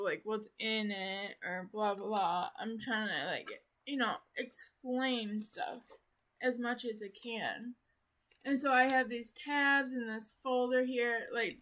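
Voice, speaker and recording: Slow, rambling woman vlogger. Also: on the high side, bright, forceful tone. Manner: rambling, full of "like" and restarts. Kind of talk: casual rambling vlog chat.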